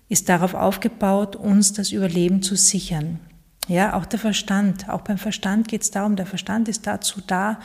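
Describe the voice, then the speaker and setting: Woman, podcast coach, warm mellow tone, earnest, keeps checking in with the listener. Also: mid-range voice, slightly rough. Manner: earnest, addresses listener directly, frequent "ja?" check-ins. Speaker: podcast host.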